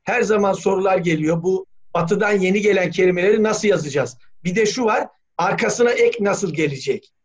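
A man's voice: high-pitched, a little fast, few pauses. A man speaking as a language scholar in an academic meeting, talking thoughtfully with many hesitations. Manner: thoughtful, hesitant, frequent "e" fillers, spells words letter by letter. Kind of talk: academic discussion on a video call. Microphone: video call. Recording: dull lo-fi video call audio.

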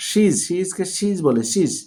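A man teaching a spoken English lesson in Bengali, who says short English phrases slowly and deliberately and then translates them. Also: high-pitched, lively intonation, mellow.

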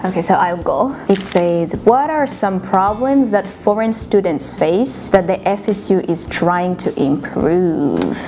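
A woman in her twenties from Rwanda, a student union president, answering interview questions in a measured, clear way in an office. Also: medium pitch, animated, warm tone, soft background music. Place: office meeting room.

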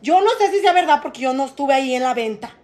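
A woman's voice: high voice, lively intonation, fast, darkish tone, a little hiss or hum. A young Mexican woman chatting casually on a live stream from home, rambling and swearing freely. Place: at home, alone.

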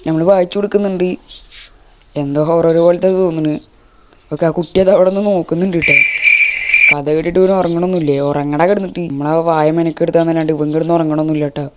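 A man's voice: fairly high pitch, steady tone, quick pace, very noisy. A man giving casual gameplay commentary, joking and playfully scolding the game's baby. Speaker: gaming channel host.

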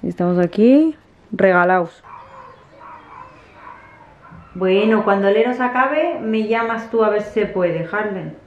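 This family vlogger, a woman in her thirties, talks a little slowly at a medium pitch with lively intonation. She's eating at home and chatting to the camera, soft and chatty, frequently restarting. The sound is tinny and phone-like, captured by a camera on the table close by in a small indoor dining room.

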